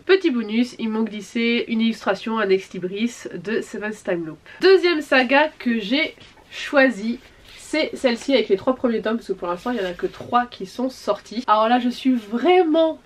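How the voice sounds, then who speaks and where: A young adult woman chatting casually in an unboxing vlog, enthusiastic and quick to apologize. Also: on the high side, recorded from a distance. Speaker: manga vlogger.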